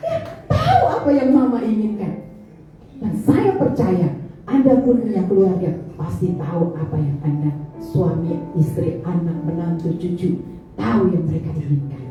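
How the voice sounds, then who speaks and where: A woman's voice: on the low side, big pitch swings, normal speed, dark tone. A middle-aged woman pastor giving a chatty, playful sermon in a church, teasing the congregation. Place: large church hall. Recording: echoey hall, distant mic, dull sound with music. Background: music.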